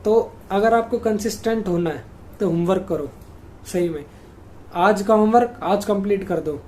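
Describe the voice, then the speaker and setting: A man's voice: high-pitched, dark tone. A young man hosting a study-tips video, giving casual advice to students and speaking straight to viewers as he walks through numbered points.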